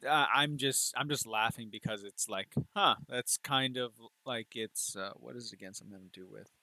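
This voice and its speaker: A man's voice: medium pitch, normal speed, sharp tone, no echo. A man chatting casually during a film watch-along stream, rambling and laughing often as he mocks what he sees. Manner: rambling, laughs a lot, mocking voices. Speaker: stream co-host.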